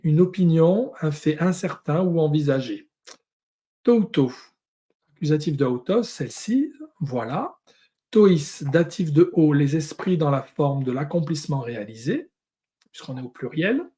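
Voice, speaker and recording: A man teaching a lesson, going through Hebrew and Greek words one at a time with many pauses. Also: on the high side, expressive, warm tone, husky. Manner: explains word by word, pausing often. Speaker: Bible teacher.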